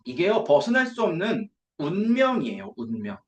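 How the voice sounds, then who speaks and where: A man delivers a sermon in an echoey church hall, his voice ranging widely in pitch. He preaches emphatically, posing rhetorical questions to the room and answering them himself. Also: huge pitch swings, moderate pace. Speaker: preacher at an evangelism school.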